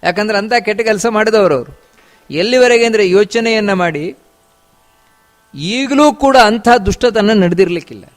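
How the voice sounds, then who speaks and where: A man's voice: high voice, expressive, normal speed, long pauses. A man giving a discourse on scripture, chanting verses and explaining them with repeated phrases and rhetorical questions. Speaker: religious teacher.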